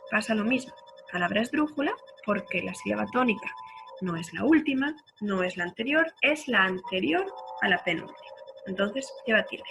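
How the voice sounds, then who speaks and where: A woman teaching a primary school spelling lesson, drawing out the example words slowly and often asking the listener if they follow. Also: fairly high pitch, vocal fry, poor audio. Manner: slow, drawn-out example words for children. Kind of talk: recorded grammar lesson.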